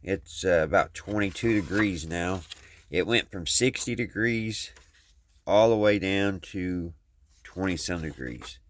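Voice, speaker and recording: A deep voice, a little slow, belongs to a Kentucky man with a Southern accent who hosts a hobby repair video channel. As he works with his hands, he talks to viewers in a casual, plain, folksy and rambling way.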